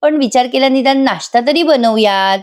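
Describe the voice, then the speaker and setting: A woman's voice: high voice, normal speed, voice pushed up, lightly acted. A woman voicing a scheming young woman who talks sweetly and fakes kindness. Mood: sugary.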